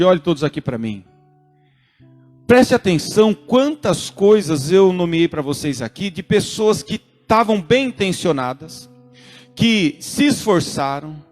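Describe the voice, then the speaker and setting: A Brazilian man preaching a sermon in a church service streamed online, earnest and building to emphatic urging. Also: high voice. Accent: Brazilian Portuguese.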